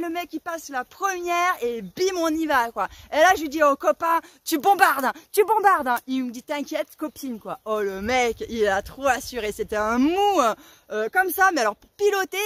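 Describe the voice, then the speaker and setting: A young woman vlogger telling a story in casual, slangy speech, excitable and animated, acting out her own shouts. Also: extremely high pitch, no room sound.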